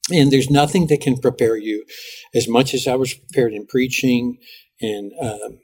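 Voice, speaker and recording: A middle-aged man, a pastor, talking as a guest in a podcast interview and telling lively stories with frequent restarts. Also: mid-range voice, moderate pace, slightly rough. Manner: animated storytelling with lots of restarts.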